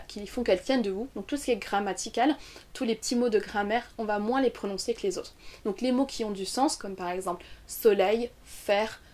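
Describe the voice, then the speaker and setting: A young French woman teaching English pronunciation in an online lesson, explaining clearly and saying example words slowly. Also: fairly high pitch, a little mellow.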